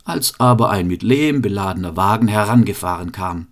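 A man narrating a fairy tale in an expressive storytelling reading. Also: on the low side, normal speed.

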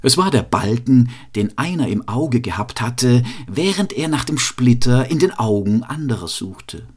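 A man narrating a fairy tale in an expressive storytelling reading. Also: mid-range voice, unhurried, breathy edge.

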